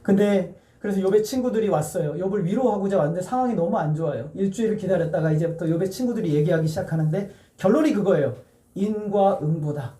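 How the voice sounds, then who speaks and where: A male pastor delivers a sermon in a relaxed, conversational way, putting question after question to his congregation and slowing down to read scripture aloud with them. His voice sits high but has a mellow, dark tone. He is heard from some distance away in a reverberant church hall. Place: church sanctuary. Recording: echoey church hall, mic a bit distant.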